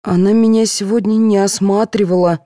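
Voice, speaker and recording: A woman's voice: on the low side, animated, normal speed, warm tone, dry recording, clean studio sound, close to an everyday voice. A woman doing a whiny young patient. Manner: whining, pleading.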